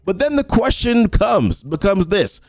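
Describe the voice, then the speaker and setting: A young adult man, a mobile game content creator, gives casual commentary on a game update, reading ability text aloud and rambling with frequent restarts. His voice is high-pitched and sing-song with a darkish tone and measured pace, with no room sound.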